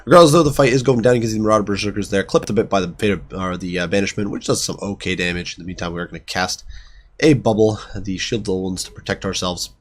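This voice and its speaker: A man with a sick, nasal voice giving chatty game battle commentary, with many fillers. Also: lowish voice. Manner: chatty, quick, lots of fillers. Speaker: gaming commentator.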